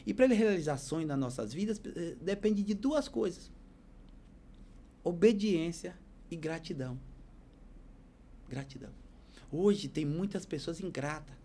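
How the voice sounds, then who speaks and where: Podcast guest, man, fairly high yet mellow voice, emotional preacherly storyteller. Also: expressive, unhurried, pauses often. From Bahia, Brazil. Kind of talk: storytelling testimony.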